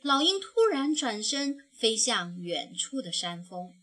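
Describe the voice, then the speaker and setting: A woman narrating a children's storybook in a soft, tender, slow manner. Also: on the high side, big pitch swings.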